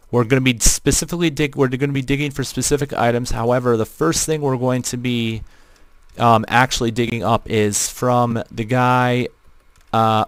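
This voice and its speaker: A man's voice: fairly low pitch, smooth, dry recording. A man with a robotic, metallic-sounding voice, giving rambling commentary on his own gameplay during a live stream and often restarting his sentences. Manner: rambling, many fillers and restarts.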